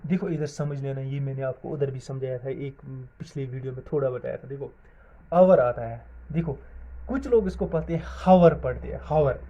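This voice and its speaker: In a dull, lo-fi video lesson, a grammar teacher from Jammu and Kashmir spells out English words letter by letter and poses questions to students before answering them himself. He speaks at a normal speed with a mellow, medium-pitched voice.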